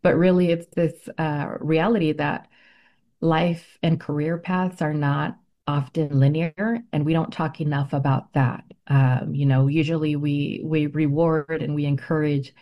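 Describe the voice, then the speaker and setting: Speaking low and with a flat delivery, this ethnic studies educator answers interview questions thoughtfully. She is a middle-aged native Spanish speaker, earnest, deliberate and articulate, and the sound is lo-fi.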